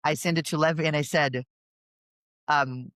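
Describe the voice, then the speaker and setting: A woman's voice: deep voice, fairly even intonation, moderate pace, fairly bright tone, dry recording. A woman hosting a casual podcast conversation, talking emphatically and restarting her sentences as she goes. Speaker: podcast host and bodybuilding coach.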